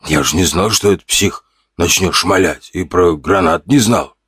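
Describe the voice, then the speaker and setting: A man's voice: deep voice, normal speed, fairly bright tone, husky, no room sound, clean studio sound, full character voice. A man voicing a defensive bandit making excuses in an audiobook. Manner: defensive, colloquial.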